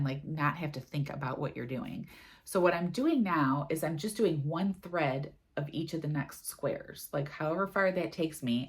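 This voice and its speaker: Woman from the US, low voice, casual rambling craft vlogger. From United States. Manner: chatty, rambling, full of "like" and "um". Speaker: cross-stitch vlogger. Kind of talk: casual chat.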